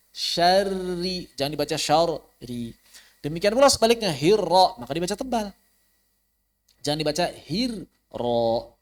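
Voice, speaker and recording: Man, recitation teacher, fairly high voice, online lesson, slow chanted examples, asks students for questions. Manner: explains rules, then chants example words slowly and melodically; addresses students directly, invites questions. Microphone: online class recording.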